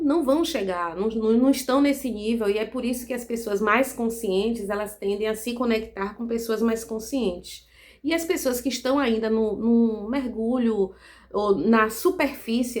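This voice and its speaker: A woman's voice: on the high side, darkish tone. Earnest woman vlogging. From Salvador, Bahia, Brazil. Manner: earnest, measured, frequent "né" tag questions. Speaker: self-development vlogger. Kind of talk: reflective monologue to camera.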